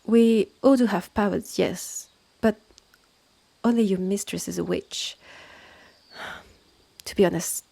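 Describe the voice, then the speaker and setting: In an ASMR fantasy roleplay, a woman with a French accent voices a calm, immortal healer who acts as a protective elder sister. Her mellow, breathy, medium-pitched voice often drops to a whisper, slow and soothing, with a confiding, matter-of-fact mood. The recording is dry.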